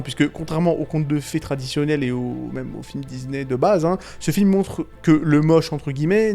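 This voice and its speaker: A man giving casual, rambling video commentary on animated films, full of fillers, restarts, slang and chuckles. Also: a little high. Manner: slangy and irreverent. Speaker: YouTube film commentator.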